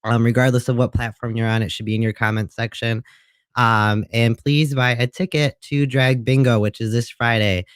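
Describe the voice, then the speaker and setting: A man hosting a casual livestream show, chatty and relaxed, with many ums. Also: mid-range voice, moderate pace, clear, resonant tone, no echo, clean studio sound.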